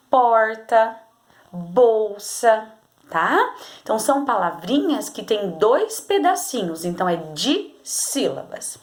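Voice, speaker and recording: A Brazilian woman teacher guiding children through a workbook lesson, explaining patiently step by step and checking in often. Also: on the high side. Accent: Brazilian Portuguese. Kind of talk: recorded remote class lesson.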